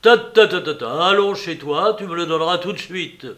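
A man reading aloud voices an irascible male concierge who shouts and blusters in a storybook. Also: sits high, normal speed, voice pushed up. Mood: furious. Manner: loud, furious, blustering.

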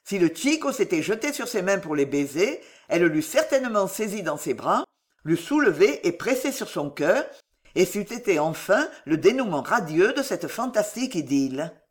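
A woman narrating a novel as an audiobook, in a dramatic, expressive way. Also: fairly low pitch, normal speed.

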